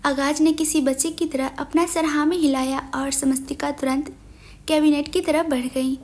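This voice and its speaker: A woman reads a romance story aloud in a steady, even storytelling way. Her voice sits high. It sounds like scripted audio story narration. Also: normal speed.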